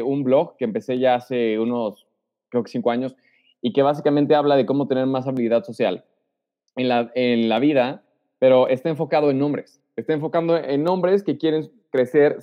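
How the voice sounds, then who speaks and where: A man speaking as an interview guest, giving social advice and acting out example lines. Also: mid-range voice. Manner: animated, acts out example lines. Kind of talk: casual interview talk. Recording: dull sound with long reverb.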